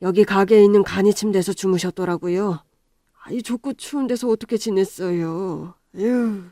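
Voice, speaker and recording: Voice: mid-range voice, steady tone, normal speed, warm tone, no echo, studio quality, close to an everyday voice. A voice actor playing a middle-aged male building owner who speaks curtly and businesslike in a radio drama. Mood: apologetic. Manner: curt, businesslike.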